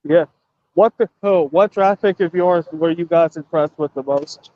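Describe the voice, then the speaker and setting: A man talking casually on a video call as a guest, halting and restarting his sentences. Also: a little high, no echo. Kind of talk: casual chat. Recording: dull, dry call audio.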